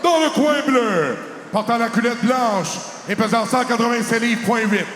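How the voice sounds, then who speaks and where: A male ring announcer delivers formal, booming arena introductions in a very high, projected voice. He draws words out slowly, and the sound rings through a large reverberant hall. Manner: switches between French and English. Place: large indoor boxing arena. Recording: echoey arena PA with loud crowd. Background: crowd noise.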